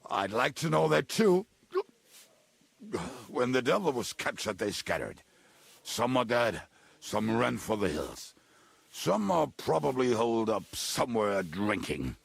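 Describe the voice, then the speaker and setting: Casting: blackout-drunk medieval henchman in a game, gravelly and bitter, with big swings in pitch. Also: big pitch swings, measured pace, heavily acted. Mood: gloomy. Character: drunken, gruff, bitter male robber and henchman. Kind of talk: video game dialogue acting.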